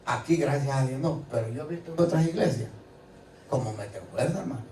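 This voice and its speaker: A man's voice: medium pitch, a little fast, darkish tone, a little hiss or hum. Man preaching in an echoey church. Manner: conversational preaching with rhetorical questions to the congregation. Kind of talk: sermon. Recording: echoey hall, voice from a distance. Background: faint ambience, congregation responses.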